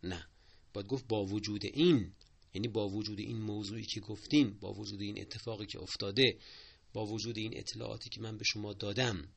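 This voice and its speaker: A man with a gravelly, creaky voice teaches correct usage in a steady, explanatory way. He repeats key points and keeps asking his listeners to pay close attention. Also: on the low side. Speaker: Persian language teacher. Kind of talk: spoken lesson on correct usage.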